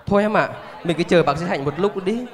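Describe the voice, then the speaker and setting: A man playing a calm, reassuring doctor in an amateur stage drama. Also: high voice, brisk, a faint crowd. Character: dedicated on-duty male doctor, adult. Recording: reverberant hall.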